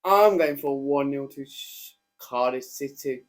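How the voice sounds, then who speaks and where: Slow-talking young man giving eager picks. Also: mid-range voice. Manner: short, eager replies. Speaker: co-host. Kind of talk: casual chat.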